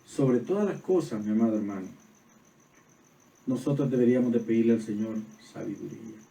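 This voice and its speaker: A man preaching a sermon as pastor, swinging from soft reflective passages to loud emphatic peaks. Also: mid-range voice, fairly quick, creaky. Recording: roomy echo, voice from far off.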